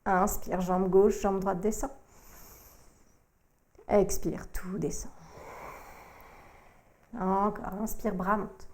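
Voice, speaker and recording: Woman yoga instructor, gentle slow cueing, mellow warm voice. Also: medium pitch. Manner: calm, slow cueing of breath and movement, addressing the listener informally. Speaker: yoga teacher. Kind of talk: guided yoga core workout instruction.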